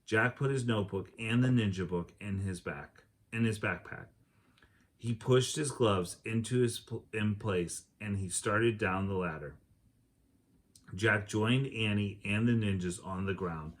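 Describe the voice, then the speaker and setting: Reading to his class, a grown male teacher works through a children's adventure story at a slightly slow pace. His voice runs fairly low, and he narrates with expression, performing the characters' dialogue as it comes.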